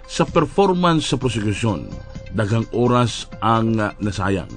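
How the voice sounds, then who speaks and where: A man's voice: on the low side, very animated, a little slow, soft background music. Cebuano-accented man giving news commentary. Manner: wry, addresses listeners as friends. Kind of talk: broadcast commentary.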